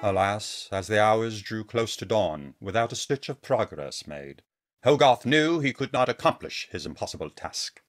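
A man's voice: on the low side, lively intonation, normal speed, faint music behind, lightly acted. A man playing a rambling, doddering old British storyteller who narrates theatrically in a comic audio drama. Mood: theatrical, grave. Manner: theatrical, digressive.

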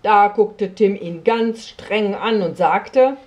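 A woman reading a children's story aloud, slow and expressive, often sinking to a soft near whisper. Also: mid-range voice.

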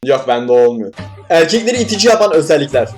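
A young man from Turkey hosting a reaction video, joking, swearing and tossing quick asides. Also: on the high side, sing-song, music in the background. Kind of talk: casual reaction commentary.

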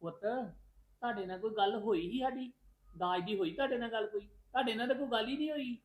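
An actor plays a calm, dignified middle-aged father who explains himself in measured speech. The voice sits at a middling pitch and the room sounds echoey. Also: close to an everyday voice. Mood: earnest. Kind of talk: amateur family drama acting.

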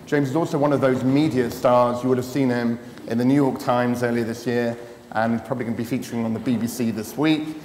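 A man introducing the next speaker at a conference in a friendly, halting way. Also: mid-range voice, steady tone, a little mellow. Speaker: session introducer. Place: conference hall stage. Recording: echoey hall, faint noise.

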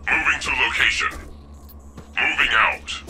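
A man voicing a boastful, bloodthirsty alien brute warrior who barks gruff orders in game voice lines. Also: mid-range voice, measured pace, bright, forceful tone, a little hiss or hum. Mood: commanding. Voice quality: gravelly. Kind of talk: video game unit voice lines.

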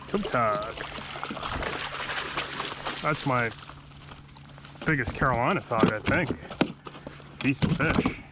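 A man in his thirties fishes alone from a kayak on a calm open sea, talking to himself between casts in a laid-back running commentary. His mid-range voice is slow with long pauses. The action camera mounted on the boat captures very noisy audio.

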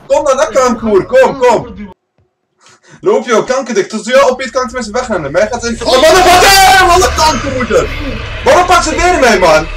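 Young man, high-pitched, panicky and foul-mouthed gamer; distant mic under game music. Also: lively intonation, moderate pace, over a noisy crowd. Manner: swears constantly, shouts in panic. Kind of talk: casual gaming chat.

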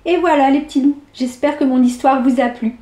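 A woman reading a picture book aloud to children, slow and expressive. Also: sits high. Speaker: storyteller. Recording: echoey room.

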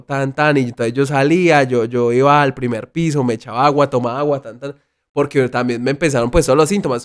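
A man's voice: mid-range voice, smooth. A young man, telling a story in casual chat among friends on a podcast, acting out the lines he quotes. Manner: animated, acts out quoted lines. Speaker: podcast co-host.

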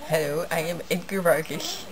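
A young woman in her twenties playing a deadpan odd man, answering interview questions in a flat voice into a close webcam in a small bedroom. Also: deep voice, normal speed, rough recording. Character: deadpan odd man called Edgar Vargas. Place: small cluttered bedroom, indoors. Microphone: webcam at close range.

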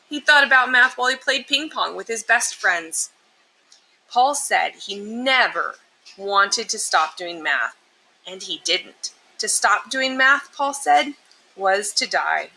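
A woman with a medium-pitched voice reads a children's picture book aloud with lots of expression, explaining and stressing things for young listeners. The recording is low quality, with clear, steady background noise.

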